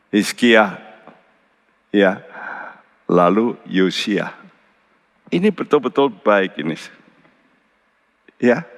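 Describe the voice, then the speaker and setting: Animated preacher in a reverberant hall. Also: male voice. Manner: animated preaching with sudden high emphatic outbursts. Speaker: pastor. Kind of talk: sermon. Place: large church hall. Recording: church service with long hall reverb.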